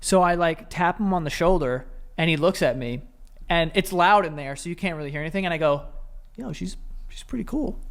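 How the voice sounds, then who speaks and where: A man's voice: on the high side, a little fast, clear, resonant tone. A man co-hosting a podcast, telling stories in a casual, teasing way and laughing through them. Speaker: podcast co-host. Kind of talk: casual storytelling chat.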